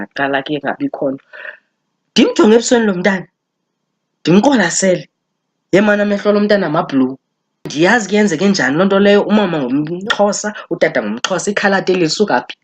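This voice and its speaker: A woman acts out a judgmental Xhosa auntie gossiping as if on a phone call. Her voice sits a little low and races along quickly. She tells it with animated comic drama in a Xhosa accent, slipping between Xhosa and English. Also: breathy edge. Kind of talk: comedy skit monologue, gossiping as if on a phone call.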